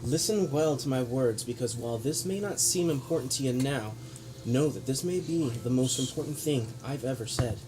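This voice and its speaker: A man's voice: medium pitch, normal speed, close to an everyday voice. A man playing a righteous, stern adventurer delivering a solemn, grandiose monologue in a tabletop role-play. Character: righteous noble-minded adventurer lecturing sternly. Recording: clear background noise.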